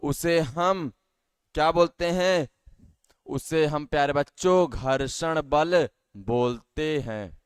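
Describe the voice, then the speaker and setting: Man, teacher, science lesson for kids, unhurried, asks and answers his own questions, dry close sound. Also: on the high side, clear, resonant tone, no room sound. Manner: patient, asks questions and answers them himself; calls the students dear children often.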